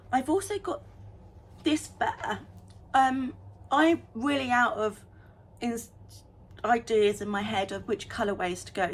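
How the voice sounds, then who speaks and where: A woman vlogging in a casual, chatty way, talking fast and getting excited about small things. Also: a little high, husky. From United Kingdom. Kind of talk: casual vlog chat.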